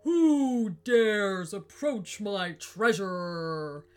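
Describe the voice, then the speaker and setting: A woman voicing a proud, ghostly male Viking warrior in a storybook reading, speaking slowly and booming. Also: lively intonation, a little mellow, clean tone, faint music behind. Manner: slow, booming, solemn.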